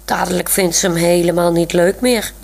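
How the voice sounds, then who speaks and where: A woman reading a story on the radio in a calm, gentle way. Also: on the low side, moderate pace, vocal fry.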